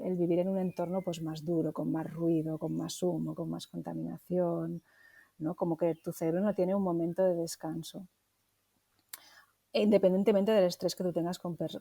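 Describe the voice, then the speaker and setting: A woman's voice: lowish voice, mellow, slightly rough. A woman from Barcelona co-hosting a casual podcast, thoughtful and hesitant, often rephrasing mid-sentence. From Barcelona, Spain. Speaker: podcast co-host.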